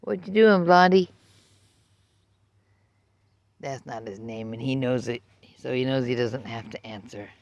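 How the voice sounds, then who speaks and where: A woman's voice: rumbling low, steady tone, normal speed, few pauses, a little mellow, no room sound, lo-fi sound. An older woman in a casual outdoor vlog, chatting unhurriedly and talking to her dog between remarks. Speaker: vlogger.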